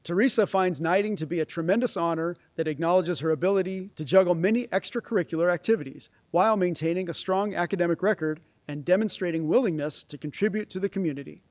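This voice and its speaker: Higher-pitched man announcing a knighting ceremony. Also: fast talker, hardly any pauses, no room sound. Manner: formal read-out delivery, announcing names ceremonially. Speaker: presenter at a school honors ceremony. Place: stage of a large auditorium. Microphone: podium microphone.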